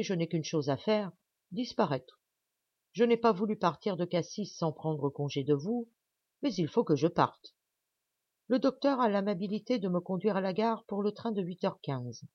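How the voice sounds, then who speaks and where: A woman's voice: on the low side, animated, moderate pace, a little mellow, no room sound, highs cut off. A woman voicing a proud, angry young woman aviator with a clipped, tense delivery. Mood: curt, resolute.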